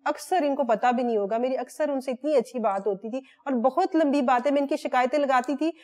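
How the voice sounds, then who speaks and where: A woman's voice: high-pitched, darkish tone. A woman from Pakistan, a guest speaking earnestly and devoutly about her husband on a talk show. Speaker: guest, wife of the former cricketer. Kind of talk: heartfelt talk-show chat.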